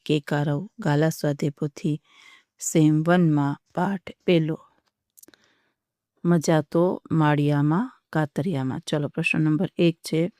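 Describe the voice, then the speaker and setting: A teacher runs through workbook answers in a level, even voice that barely rises or falls. The tone is smooth and clean, recorded close and dry with no room sound. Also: mid-range voice, dry recording. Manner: steady, methodical dictation.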